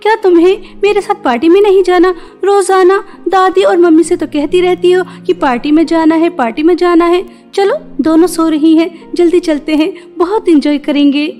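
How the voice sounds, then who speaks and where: Woman doing a feisty loyal cartoon girl, high voice, sticking up for her sister. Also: fairly even intonation, normal speed, few pauses, dark tone, faint music behind. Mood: coaxing. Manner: earnest, firm.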